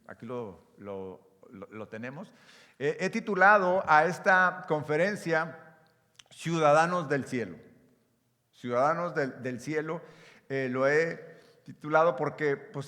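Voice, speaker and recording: A man's voice: on the high side, a bit bright. A man from Mexico with a Mexican Spanish accent, a pastor preaching live to a youth audience, engaging the crowd with questions and repeating his words. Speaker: pastor, conference speaker. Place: church or event hall. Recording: reverberant hall.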